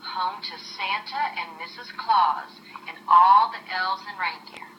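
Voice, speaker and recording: An older woman reads a children's story aloud expressively, like a grandmother, in a mid-range voice that moves a little slowly. The home recording sounds roomy and distant, with dull audio, slight background noise, and music playing.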